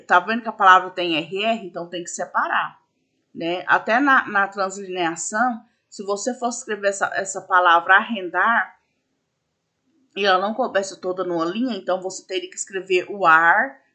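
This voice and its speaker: Bright-voiced woman teacher. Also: mid-range voice, normal speed. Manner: patient, explains step by step with many fillers. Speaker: schoolteacher. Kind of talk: recorded classroom lesson.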